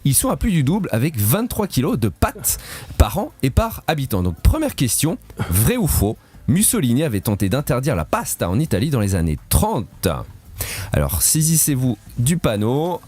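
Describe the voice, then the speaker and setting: Male quiz columnist, animated pitch, jokey and punning, radio studio. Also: moderate pace, slightly rough. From Switzerland. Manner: playful, punning, laughs at his own jokes. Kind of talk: radio fun-facts quiz segment.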